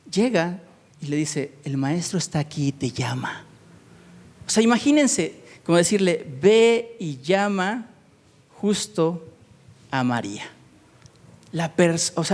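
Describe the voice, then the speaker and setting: A man preaching a sermon, reading scripture and explaining it with many restarts and repeated words. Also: high voice. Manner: expressive, repeats words and restarts while searching for them; reads scripture aloud then explains it to the congregation. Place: church hall. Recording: long hall reverb.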